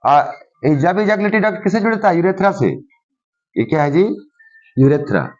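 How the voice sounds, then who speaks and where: High-voiced male teacher on dull audio. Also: big pitch swings, normal speed. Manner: repeats key terms and quizzes the viewer with "what is it called?". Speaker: science teacher. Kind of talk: explaining a diagram in a class lesson.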